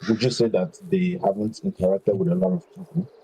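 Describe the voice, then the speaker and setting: Male caller, garbled underwater-sounding mic, dark low voice, probing questions. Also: big pitch swings, a little fast, a little hiss or hum. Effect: muffled, garbled mic that sounds underwater. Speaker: voice chat caller. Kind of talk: casual debate over voice chat.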